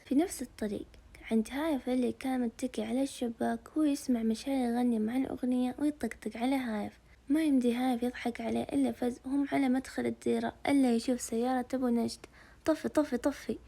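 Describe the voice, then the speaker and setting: A woman narrating a novel in a lively storytelling manner. Her voice is gravelly, mellow and rather high, and she reads fast. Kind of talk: novel reading.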